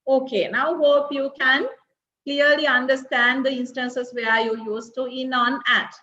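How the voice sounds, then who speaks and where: In a dull, roomy lo-fi recording of a grade-six revision class, an English teacher checks in with "okay?" and "right?" after almost everything she says. She speaks a little slowly in a high, level voice that is bright and forceful.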